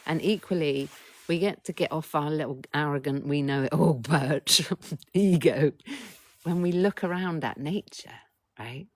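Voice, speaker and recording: A woman's voice: sits low, unhurried, a little mellow, dry recording. A middle-aged woman coach hosting a casual live stream, talking bluntly, swearing freely, and keeps urging viewers to reply in the chat.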